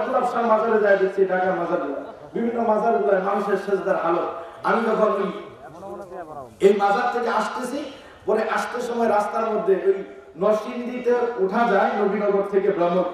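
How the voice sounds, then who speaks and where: High-pitched, shouting Bangladeshi preacher. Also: male voice. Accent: Bangladeshi Bengali. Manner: chanting, rising into shouts. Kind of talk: sermon. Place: outdoor religious gathering. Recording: echoing loudspeaker sound from far off.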